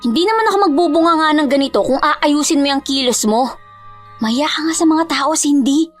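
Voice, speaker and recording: A woman voicing a young woman in her twenties who scolds her twin sister in an exasperated, reproachful way. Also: high-pitched.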